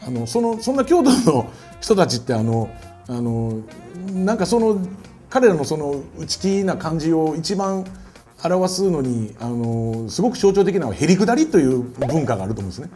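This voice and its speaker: A man's voice: a little high, moderate pace, soft background music. A man in his forties from Kyoto with a Kyoto Kansai accent, explaining in a casual lecture with many hesitant fillers. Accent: Kyoto Kansai dialect. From Kyoto, Japan. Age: 40s. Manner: hesitant, many fillers, animated voicing of quoted people. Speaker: guest lecturer.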